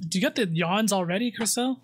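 A man's voice: sits high, quick pace. A man hosting a casual co-op gameplay stream from home, joking and swearing as he talks. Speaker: streamer host.

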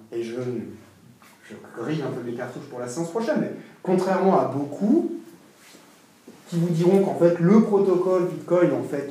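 A man lecturing to a seminar with a swinging, animated delivery and a mellow, soft-edged tone. He restarts his sentences and throws in emphatic asides as he goes. He is recorded from far off in a very echoey room. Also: fairly high pitch.

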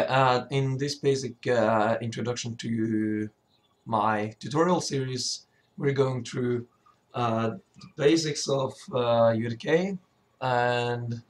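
Male tutorial presenter, slow and hesitant, mid-pitched, voice cracking from sickness. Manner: hesitant, often stumbling and throat-clearing. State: sick, sore voice. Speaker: tutorial presenter, level designer. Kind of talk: informal software tutorial.

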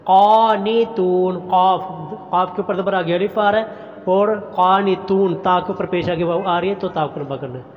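High voiced guy teaching quran recitation, chants slow then explains quick, muffled recording w long echo. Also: steady tone. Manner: slowly chants each verse, then explains rules briskly. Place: online class recording.

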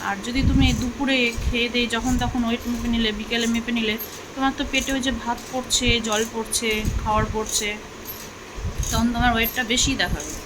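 A woman from Bengal talks to her viewers while she does chores around the house, in a casual, chatty way. Her voice sits a little high. It is recorded on a phone indoors, with a steady hum running behind her. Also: fairly quick. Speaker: vlogger. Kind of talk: casual home vlog chat. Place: home, indoors.

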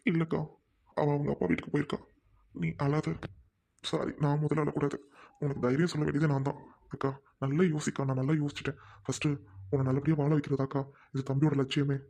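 A man's voice: a little high, flat delivery, fast, gravelly, long pauses, a little mellow. A man playing a devoted, hot-tempered younger brother who urgently pleads with his widowed sister. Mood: pleading.

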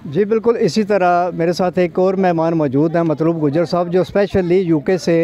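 A man's voice: high-pitched, fairly even intonation, moderate pace, mellow. A man, a field reporter, politely introducing guests into a handheld mic outdoors at a cricket ground. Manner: polite, formulaic. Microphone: handheld branded mic. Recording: slightly dull outdoor audio.

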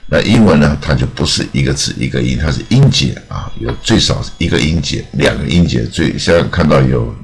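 A man teaching English pronunciation, explaining each word patiently and repeating it slowly, with a particle trailing many phrases. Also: extremely low pitch, animated, gravelly, breathy edge. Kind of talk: explanatory lesson.

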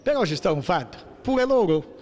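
A man in his sixties, a local political figure, speaks with a southern Lazio accent in an impromptu interview in a public building's indoor hallway, into a handheld microphone held toward him. His voice sits high and a little mellow, with big pitch swings, heard in a large hall with a little hiss or hum. He is emphatic and aggrieved, stopping and restarting and repeating rhetorical questions.

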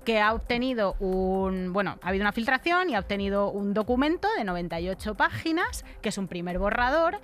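A middle-aged woman with a Castilian accent from Spain co-hosts a podcast, commenting on the news informally and colloquially. Her medium-pitched voice is animated and a little fast, with few pauses and slight background noise. She's in a radio-style podcast studio, recorded on a close studio microphone on the desk.

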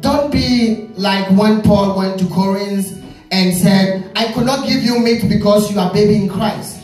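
A woman giving a preaching-style health talk in short phrases, pausing for an interpreter after each one. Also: medium pitch, darkish tone, soft background music. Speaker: health speaker at a church event. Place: church hall. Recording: echoey church hall, distant mic.

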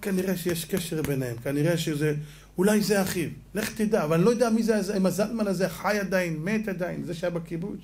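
A male rabbi delivering a lesson through stories, his voice sitting fairly high. He talks animatedly, throws rhetorical questions at his listeners and acts out the people he quotes. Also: darkish tone. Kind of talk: storytelling Torah lesson.

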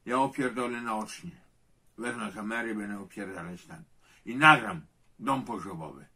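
A man's voice: on the low side, moderate pace, bright, forceful tone, husky. A man talking casually on camera, plaintive, rambling and emotional.

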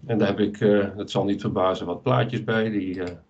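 A man in his fifties presenting a webinar lecture over a video call, measured and explanatory as he walks through slides. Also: lowish voice, steady tone, a little mellow. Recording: dull lo-fi video call audio.

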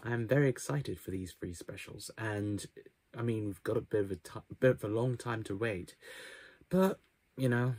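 In a small, cluttered bedroom, a man in his twenties gives a casual channel update to camera, with hesitant, self-deprecating asides. His voice is lowish and a little mellow, at normal speed, with no echo.

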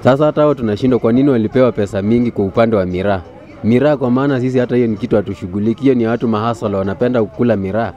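A man's voice: medium pitch, very fast, dark tone, lo-fi sound. Blunt Kenyan man in a street interview. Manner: blunt, complaining. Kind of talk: vox pop street interview. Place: outdoors by a brick building. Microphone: handheld furry mic held close.

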